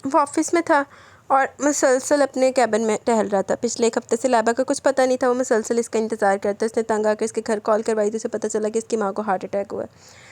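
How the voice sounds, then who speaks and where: A woman narrating a romance novel aloud in a rapid, steady reading voice. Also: on the high side, no room sound.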